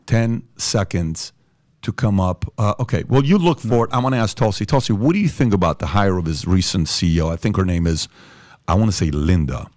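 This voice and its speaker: A man's voice: sits low, animated, brisk, a little mellow, no echo, studio quality. A man from Iran hosting a podcast, talking in an emphatic, repetitive way with many fillers. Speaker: podcast host. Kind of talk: opinionated podcast chat.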